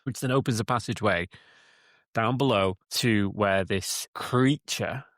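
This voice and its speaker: A man's voice: on the low side, measured pace, fairly bright tone, no room sound, clean studio sound. A man co-hosting a casual podcast from a cabin in the woods, retelling a film plot with many restarts. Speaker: podcast co-host. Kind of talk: casual chat.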